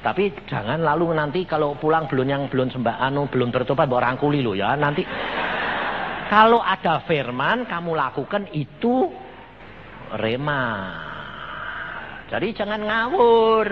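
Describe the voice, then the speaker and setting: A man's voice: fairly high pitch, normal speed, long pauses. A male evangelist preaching a sermon. He tells stories by acting out the dialogue and keeps turning to his listeners. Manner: animated storytelling, acting out dialogue, addressing listeners as brothers. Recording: dull lo-fi sound with faint background noise.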